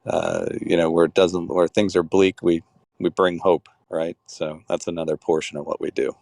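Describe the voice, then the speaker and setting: Low-pitched man hosting a crypto club call, loose and rambling, dry sound. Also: little pitch movement, moderate pace, gravelly, a little mellow, no room sound. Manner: rambling, many restarts and fillers. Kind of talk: casual group call.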